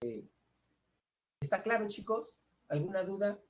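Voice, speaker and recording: A man with a Peruvian Spanish accent teaches a pre-university psychology class. He explains step by step, asks questions and answers them himself, ends nearly every phrase with a questioning "¿no?", and fills pauses with "este" and "eh". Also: high voice, very animated. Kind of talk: online lecture to students.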